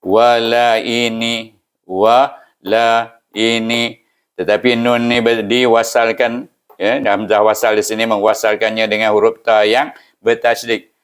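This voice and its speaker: A man with a Malaysian Malay accent, teaching Quran reading patiently, syllable by syllable, with slow chanted recitations. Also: lowish voice, flat delivery. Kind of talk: step-by-step recitation lesson.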